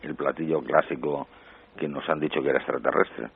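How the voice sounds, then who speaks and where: Very deep gravelly man over the phone. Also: fairly even intonation, narrow, tinny audio. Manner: measured, explanatory. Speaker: radio guest, researcher.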